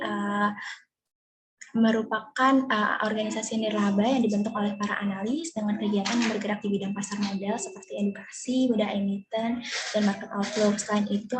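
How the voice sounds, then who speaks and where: A woman's voice: mid-range voice, background noise. A woman moderating a webinar over a video call, speaking politely and formally with frequent hesitation fillers. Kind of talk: formal event hosting.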